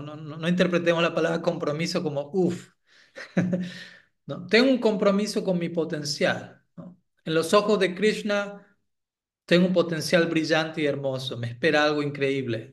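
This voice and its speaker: A man giving a reflective devotional talk as a spiritual teacher, often checking in with his listeners and clearing his throat now and then. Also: a little high. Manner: reflective, asks "¿no?" after points.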